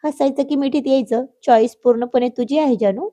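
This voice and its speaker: A playful adult husband teasing his wife with mock-stern, bossy lines, as a woman narrator voices him. The voice stays mellow and warm, with a slightly high pitch for a man. It has the feel of a read-aloud family storybook. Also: steady tone, moderate pace. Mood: hushed threat. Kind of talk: acted dialogue in a read story.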